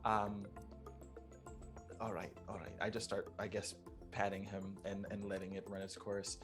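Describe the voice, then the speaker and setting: A woman playing a tabletop game, talking casually with lots of halting restarts and some swearing. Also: very deep voice, little pitch movement, faint music behind. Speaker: player. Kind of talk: casual tabletop role-play.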